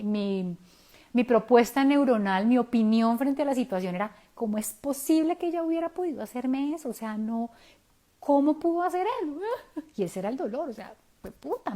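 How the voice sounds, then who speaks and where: A Colombian woman in her forties, a self-help speaker, telling a personal story in a candid, animated way with slangy asides. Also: medium pitch.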